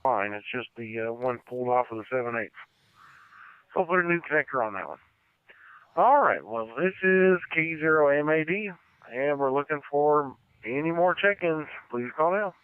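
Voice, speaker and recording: A man's voice: on the high side, animated, normal speed, clean tone, no echo, phone-quality sound. An American man running a casual amateur radio net as controller, heard over a two-way radio transmission. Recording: band-limited, dry amateur radio audio.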